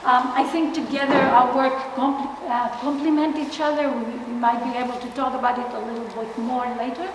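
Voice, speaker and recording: A middle-aged woman from Israel gives an artist talk in a large gallery hall, her fairly high voice pausing often on fillers and restarting phrases. She is picked up from a distance, so the hall rings with long, heavy echo and a clear layer of room noise sits behind her. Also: steady tone. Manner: hesitant, many fillers and restarts. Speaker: exhibiting artist. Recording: echoey hall, distant from mic, noisy.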